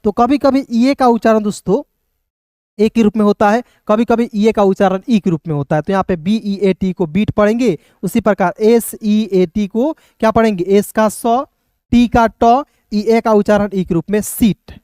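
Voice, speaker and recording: A man's voice: high-pitched, normal speed, darkish tone, clear, resonant tone, no echo, clean studio sound. A man teaching an English lesson to viewers in a classroom style, explaining step by step and often asking questions and calling them friends. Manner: frequently addresses listeners as friends.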